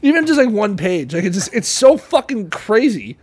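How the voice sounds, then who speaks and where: A man with a notably high voice tears into a script in casual chat. He swears constantly, mocks it with animated outbursts, and stumbles over quick restarts. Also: husky.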